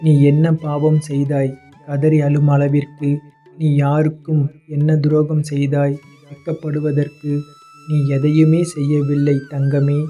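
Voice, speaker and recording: A man voicing a gentle divine father who consoles a devotee in a scripted devotional address, tenderly reassuring the listener as his child. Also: fairly high pitch, monotone, unhurried. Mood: consoling. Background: faint instrumental music.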